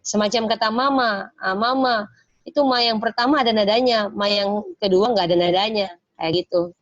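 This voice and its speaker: A woman's voice: mid-range voice, no echo. Patient woman teaching online, dry lo-fi sound. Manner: patient, explains step by step, models words slowly. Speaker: Mandarin teacher. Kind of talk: online language lesson. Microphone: video call.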